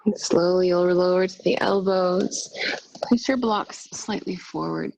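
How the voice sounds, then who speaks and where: A woman yoga instructor giving gentle, soothing, unhurried cues in a soft, breathy, husky voice. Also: lowish voice, low-quality recording. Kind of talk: guided yin yoga instruction.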